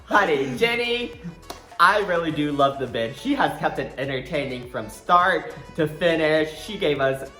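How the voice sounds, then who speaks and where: A man's voice: on the high side, lively intonation, unhurried, sharp tone. A man co-hosting a casual video review, chatting in a sassy, slangy, campy way. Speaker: co-host of drag show review. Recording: roomy echo with music behind.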